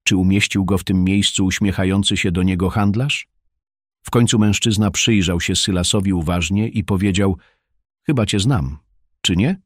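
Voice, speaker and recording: A man narrating an audiobook in a calm, measured storytelling manner. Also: sits low, no room sound, clean studio sound. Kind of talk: scripted narration.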